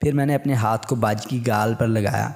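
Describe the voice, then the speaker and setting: A man narrating a written story in a calm, steady reading voice. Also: on the low side, creaky.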